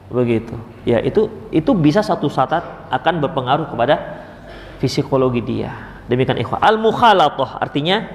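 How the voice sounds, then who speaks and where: A man preaching a religious study session, telling stories and acting out family members in quoted voices. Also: a little high. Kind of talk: sermon. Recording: echoey hall.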